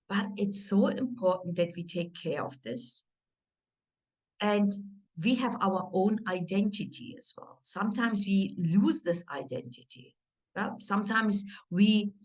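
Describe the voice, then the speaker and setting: A woman's voice: mid-range voice, low-quality recording. A middle-aged woman from Turkey who grew up in Germany, giving an encouraging online coaching workshop over a video call. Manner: warm, encouraging, interactive with audience. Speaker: career and family coach.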